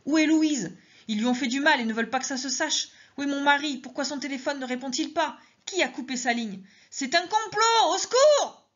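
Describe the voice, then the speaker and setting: A woman's voice: fairly quick, a bit bright, dull audio. A woman reading her story aloud, voicing a terrified young mother who screams and pleads that she is not mad. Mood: frantic screaming. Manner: screaming and pleading, high and shrill. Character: terrified young mother, frantic, accused of madness.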